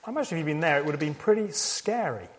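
A man's voice: fairly high pitch, expressive, rapid-fire. A man preaching a sermon in a conversational way, asking rhetorical questions and repeating key lines.

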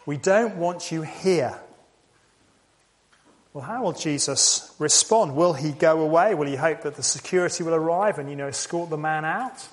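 A man delivers a sermon in an easy, conversational manner. His voice sits a little high, and he leans on rhetorical questions and repetition to drive his points home. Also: fairly quick, few pauses. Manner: conversational, rhetorical questions, repeats key lines. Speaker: preacher.

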